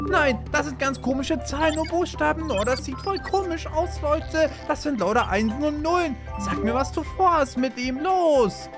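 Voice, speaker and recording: A woman hosting and playing in a game role-play, chatty and full of exclamations. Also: high voice. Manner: lively, chatty, exclaims a lot. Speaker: channel host playing the lead. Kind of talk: Minecraft role-play with narration to viewers. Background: background music.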